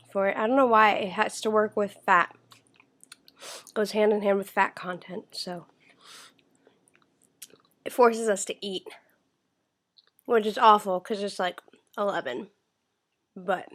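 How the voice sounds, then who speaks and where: A woman's voice: medium pitch, fairly bright tone. A young woman at home, rambling through a casual video diary while feeling unwell and tired, with lots of fillers and some talking through food. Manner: rambling, many fillers, talks while eating. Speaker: vlogger. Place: at home, indoors.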